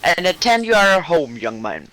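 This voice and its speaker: A woman's voice: on the low side, very animated, normal speed, a bit bright, slight background noise, low-quality recording. A woman with a German accent, chatting casually and sternly as a mother in a virtual-world voice chat. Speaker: mother of the man proposing.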